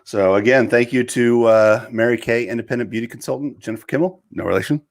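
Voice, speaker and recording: A man co-hosting a casual sports talk show, excitable, swinging from loud outbursts to mumbled asides. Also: mid-range voice, fast. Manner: excitable, jumps between shouting and mumbling. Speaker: podcast co-host.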